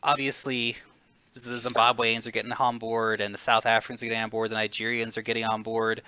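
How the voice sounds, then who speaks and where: A man's voice: fairly low pitch, completely flat delivery, fairly quick, pushed and bright, clear, resonant tone, no room sound. A man hosting a casual interview, asking questions with upbeat enthusiasm. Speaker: interview host.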